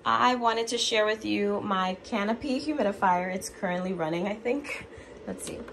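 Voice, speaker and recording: A woman's voice: mid-range voice, moderate pace, a bit bright, slight background noise. A young woman, congested from a cold, chatting enthusiastically as she walks through her apartment in a home vlog. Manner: chatty and enthusiastic, walking around. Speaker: lifestyle vlogger. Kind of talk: casual home vlog walkthrough. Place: apartment indoors.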